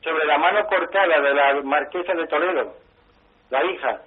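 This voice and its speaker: A nervous man calling in to a radio show over the phone, asking halting, apologetic questions. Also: fairly high pitch, breathy edge. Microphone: telephone. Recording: tinny phone line.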